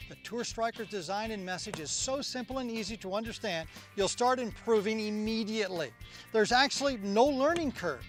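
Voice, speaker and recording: A man's voice: sits high, moderate pace, faint music behind. A man hosting a product infomercial, talking up what he sells. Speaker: infomercial host.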